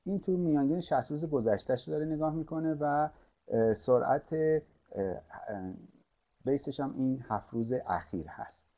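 A man teaching an online course, talking through a screen-share tutorial with many pauses and restarts as he clicks through a website. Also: fairly high pitch, mellow, muffled recording. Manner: hesitant, many fillers and restarts, thinking aloud while clicking.

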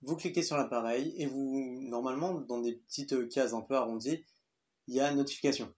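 A man's voice: mid-range voice, steady tone, moderate pace, darkish tone. A young man talking casually through a smartwatch review, chatty and loose, with fillers and the odd swear word. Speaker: tech reviewer. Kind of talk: casual tech review vlog.

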